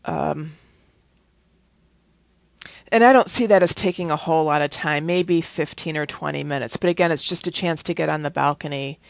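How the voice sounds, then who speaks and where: A woman's voice: deep voice, moderate pace, gravelly, pauses often, no echo. A woman presenting a training workshop in a conversational way, with many fillers and restarts. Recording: dull, dry lo-fi recording.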